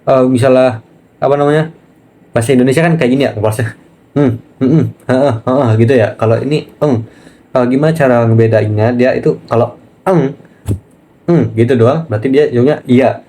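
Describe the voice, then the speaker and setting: A man teaching a casual online language lesson, chatty and relaxed, often pausing on fillers and speaking to viewers as friends. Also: medium pitch. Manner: chatty, keeps saying "nah" and addressing viewers as friends.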